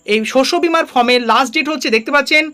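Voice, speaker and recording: A woman's voice: high-pitched, racing, sharp tone, faint music behind. A woman narrating an informational video as host, addressing viewers directly and mixing English terms into her explanation. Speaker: channel host.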